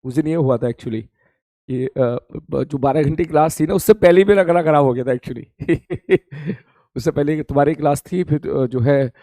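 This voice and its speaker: During a live-streamed class, a male physics teacher with a hoarse, worn throat chats freely with his students, repeating his greetings and calling them "beta." His voice is a little high for a man and mellow, at normal speed, recorded close and dry with no room sound.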